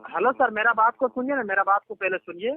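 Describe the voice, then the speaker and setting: On a lo-fi telephone line, a high-pitched man talks fast in the role of bank support. He is insistent, repetitive and reassuring, addressing the listener formally in phone call audio.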